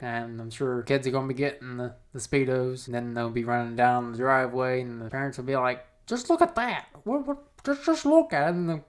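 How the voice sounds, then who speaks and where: Folksy amateur weather vlogger, a man. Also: mid-range voice. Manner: rambling and folksy, with joking asides. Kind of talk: casual forecast vlog.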